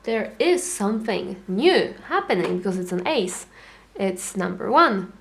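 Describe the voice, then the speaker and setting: A young adult woman giving a casual tarot reading, chatty and animated, acting out little inner voices as she talks. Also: mid-range voice, measured pace, slight background noise. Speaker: tarot reader.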